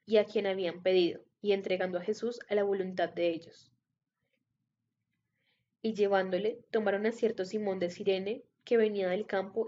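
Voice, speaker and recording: A woman reading a Bible passage aloud in a steady, measured way. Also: mid-range voice. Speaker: scripture reader. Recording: dull lo-fi recording.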